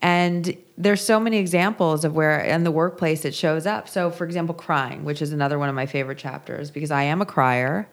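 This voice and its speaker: Low-voiced woman, earnest and reflective. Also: fairly quick, hardly any pauses. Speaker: author and guest. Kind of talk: conversational interview.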